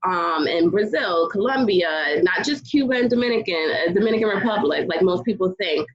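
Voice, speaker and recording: A woman from Connecticut, a guest on a podcast, talking calmly about her background and sounding a little tired. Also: mid-range voice, a little fast, a loud crowd. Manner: calm, thoughtful, many ums. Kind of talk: relaxed interview talk. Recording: dull lo-fi sound.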